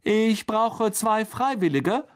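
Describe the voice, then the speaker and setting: A man's voice: sits high, animated, slow, clean tone, pitched above the performer's own voice. A man voicing a vain, flustered male wizard teacher who talks in a showy, eager, fussy way. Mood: bustling.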